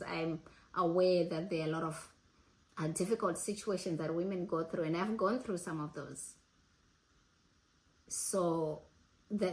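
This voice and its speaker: A woman in her late forties talking earnestly and reflectively to her audience, pausing and restarting as she gathers her thoughts. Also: sits low, a little mellow, low-quality recording. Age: 40s. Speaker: host. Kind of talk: reflective casual talk.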